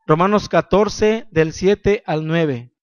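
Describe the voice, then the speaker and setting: A man's voice: on the high side, slow pace, clean tone, dry recording, lo-fi sound. A man preaching a sermon as pastor, emphatic and posing questions to the congregation.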